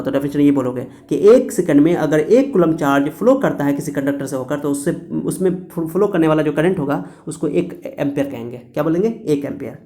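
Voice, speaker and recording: A man's voice: on the high side, dark tone. A male teacher giving a chatty classroom physics lecture, repeating points and laughing at his own jokes.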